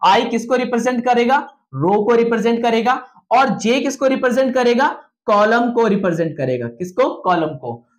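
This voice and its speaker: A man's voice: very high voice, animated, normal speed, hardly any pauses. A male teacher lecturing to his students. He keeps asking questions and then answering them himself, repeating each key point several times. He mixes English technical terms into his explanations. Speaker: physics and maths teacher.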